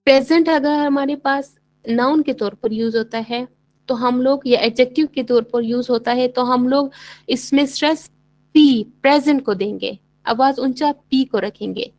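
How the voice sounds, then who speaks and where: A woman with a Pakistani accent giving a bilingual English lecture, explaining in Urdu-Hindi and reading English lines slowly and deliberately. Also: high-pitched, a little mellow, dry recording, poor audio. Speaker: English teacher.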